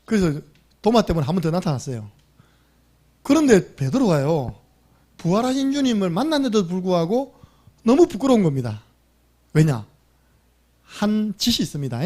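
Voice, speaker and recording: Lively high-pitched pastor preaching. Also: male voice, moderate pace, pauses often. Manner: animated storytelling, acting out quoted voices; asks the congregation questions. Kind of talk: sermon. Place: church sanctuary.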